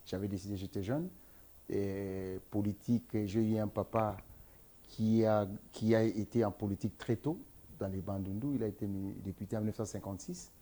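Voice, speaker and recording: A man's voice: fairly low pitch, steady tone, moderate pace, warm tone. A man from the Democratic Republic of the Congo, answering interview questions as a guest, earnest and emphatic. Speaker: interview guest, entrepreneur and author.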